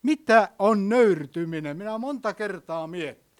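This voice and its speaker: Man preaching with a high voice. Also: lively intonation. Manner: storytelling, swings between soft and loud. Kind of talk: sermon.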